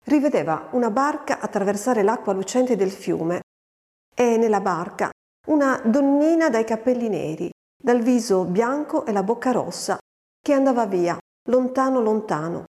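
A woman narrating a literary story in a measured, expressive way, recorded with a long reverb. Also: a little high. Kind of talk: literary audiobook reading.

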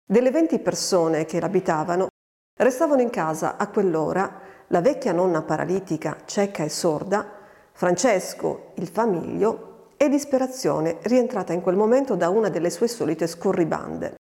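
A woman narrating a literary story in a measured, expressive way, recorded with a long reverb. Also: on the low side, gravelly. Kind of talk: literary audiobook reading.

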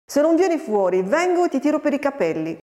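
A woman voicing a sullen young farm servant who shouts threats, recorded with a long reverb. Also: medium pitch, fairly even intonation, normal speed, natural voice. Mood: yelling.

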